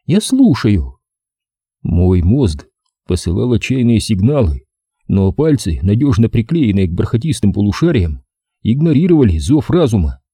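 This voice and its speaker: A man reads a first-person detective story in a measured, wry way. His low voice is deeply dark and husky, with lively rises and falls. The sound is dry and close to the mic. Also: no echo. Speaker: audiobook narrator. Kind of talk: scripted first-person narration.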